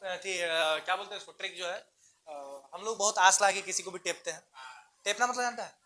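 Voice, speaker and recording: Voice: medium pitch, brisk, noisy background. Teacher chanting memory tricks to a class. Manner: drills students with chanted mnemonics and repeated questions; chatty, informal, teasing. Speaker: chemistry teacher. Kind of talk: classroom lecture. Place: classroom with students. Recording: classroom with students talking in the background.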